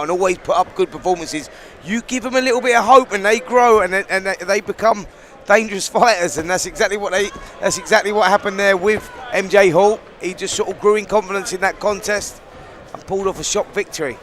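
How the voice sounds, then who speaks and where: A man's voice: high-pitched, a bit bright. A man giving conversational live boxing analysis as a co-commentator at ringside.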